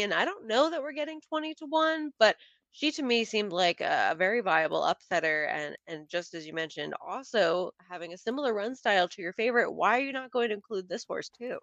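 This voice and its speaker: A woman guest on a casual podcast, laying out her picks in a brisk, detailed, analytical way. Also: mid-range voice, expressive, a bit bright, no room sound, lo-fi sound. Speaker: podcast guest and horse racing handicapper.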